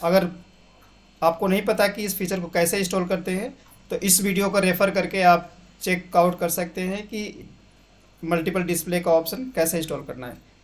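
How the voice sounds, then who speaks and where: A young man hosting a casual step-by-step tech tutorial, walking viewers through settings and dropping English terms into his explanations. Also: high voice. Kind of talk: casual screen-share tutorial.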